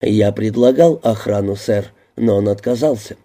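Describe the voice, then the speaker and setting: A man's voice: on the low side, normal speed, warm tone, lightly acted. A man reading an exasperated police lieutenant. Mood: defensive. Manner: defensive to a superior, barking at his squad. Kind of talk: audiobook character reading.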